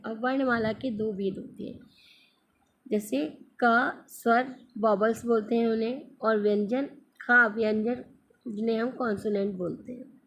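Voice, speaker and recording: A woman teaching a grammar lesson to children, speaking patiently and calling her students "beta" as she asks questions and answers them herself. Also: on the high side. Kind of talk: screen-recorded classroom lesson.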